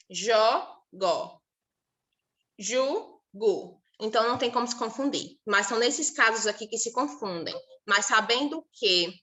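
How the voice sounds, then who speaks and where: A woman's voice: on the high side, pushed and bright. A Brazilian Portuguese woman teacher giving a recorded class, explaining patiently and repeating syllables and example words one by one.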